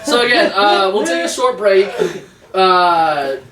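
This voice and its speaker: Man, game master, wry casual talk, high voice, echoey and distant. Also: sing-song, takes it slowly, a crowd in the background. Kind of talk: casual chat among friends. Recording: echoey room, far from mic.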